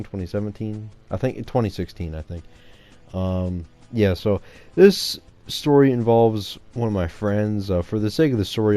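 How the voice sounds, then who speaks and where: A man's voice: low-pitched, warm tone. A man in his twenties casually telling a story on his channel, rambling and swearing freely. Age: 20s. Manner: rambling, profane, laid-back. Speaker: YouTuber.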